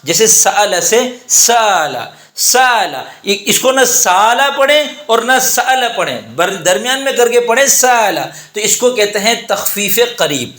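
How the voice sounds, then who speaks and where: High-voiced man teaching grammar. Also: fairly bright tone. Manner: methodical, repeats example words slowly. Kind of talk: explanatory lesson. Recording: echoey room.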